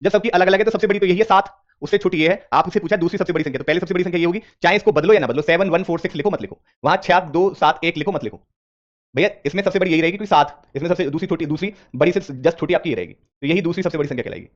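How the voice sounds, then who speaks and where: A man's voice: sits high, very fast, muffled recording. A man teaching a reasoning class live online, repeating questions and coaxing his students with English terms mixed in.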